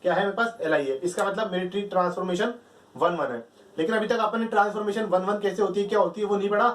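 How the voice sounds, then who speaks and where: A man with a high voice lectures on math, walking through each step and answering his own questions. He sounds set back from the mic. The room around him is echoey. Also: recorded from a distance. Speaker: math teacher.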